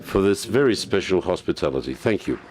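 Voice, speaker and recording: A middle-aged man with a Guatemalan Spanish accent reads a formal speech at a podium. His voice is very low, and there is faint noise behind it from the conference room. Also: expressive, fairly quick. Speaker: government delegate. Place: large conference hall. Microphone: podium microphone.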